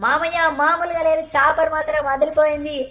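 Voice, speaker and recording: A woman's voice: high-pitched, level tone, fast, fairly bright tone. A woman voicing a cheeky, whiny little boy who nags constantly and keeps calling for his uncle, in a fan-dubbed game parody. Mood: excited. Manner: nags constantly, repeating 'uncle'.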